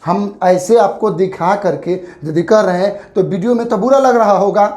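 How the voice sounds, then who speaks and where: A man's voice: sits high, moderate pace, darkish tone. Guy teaching grammar for exams, keeps asking then answering his own questions, roomy echo. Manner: explains by repeating and asking questions he answers himself. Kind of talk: exam-prep grammar lesson.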